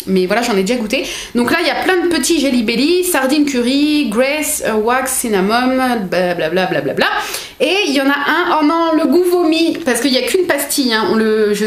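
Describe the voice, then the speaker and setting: A young woman chatting as a book vlogger, excitable and full of fillers. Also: fairly high pitch. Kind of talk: casual unboxing chat. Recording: echoey room.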